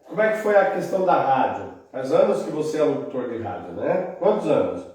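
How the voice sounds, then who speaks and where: A man hosts a casual podcast interview, attentive and encouraging. He mostly offers short affirmations and simple follow-up questions. His voice sits at a middle pitch in a very echoey room, picked up from a distance. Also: sing-song, fairly quick, darkish tone. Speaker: podcast host.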